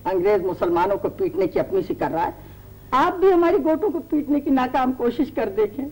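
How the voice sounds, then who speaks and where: Fretful genteel matriarch. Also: female voice, a little high, sing-song, fairly quick, a little mellow, rough recording. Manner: fretful and bickering. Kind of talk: 1980s TV drama acting. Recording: old TV drama audio, light noise.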